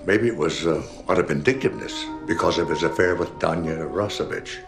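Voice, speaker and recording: An actor playing a persistent amateur sleuth in a TV mystery, probing in a conversational, halting way. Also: male voice, deep voice, vocal fry, over music. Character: inquisitive, persistent amateur male sleuth questioning suspects. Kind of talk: naturalistic TV mystery acting.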